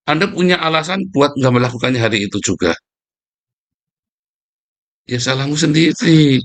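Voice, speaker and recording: A man preaching a casual devotional sermon, scolding and mocking his listeners in a lively way. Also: mid-range voice.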